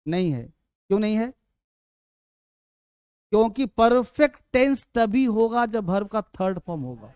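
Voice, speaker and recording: A man teaching English grammar, quizzing students and urging them to answer fast. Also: sits high, a little mellow, clean tone, no room sound, clean studio sound. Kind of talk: classroom lesson.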